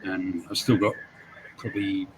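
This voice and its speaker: A man co-hosting a casual stream chat, telling things at length with many pauses and ums. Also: sits low, little pitch movement, slight background noise, rough recording. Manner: rambling, hesitant, many ums.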